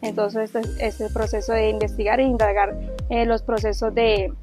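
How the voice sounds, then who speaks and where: A young woman with a Colombian accent giving an interview testimonial outdoors, speaking haltingly as she searches for words. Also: fairly high pitch, flat delivery. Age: young adult. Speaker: apprentice student. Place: outdoors in a park. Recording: music bed behind the voice.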